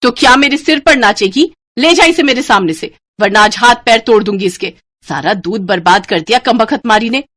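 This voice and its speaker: A woman voicing a harsh, bossy middle-aged sister-in-law in an animated storybook, scolding loudly. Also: quick pace, few pauses, dry recording, close to an everyday voice. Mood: furious. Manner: scolding, shrill and loud.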